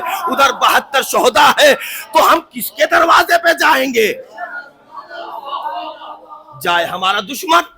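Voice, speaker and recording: A man delivering a majlis sermon, moving between soft asides and loud shouted climaxes, joking with his audience. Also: very high-pitched, husky. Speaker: cleric giving a majlis sermon. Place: religious hall, live broadcast.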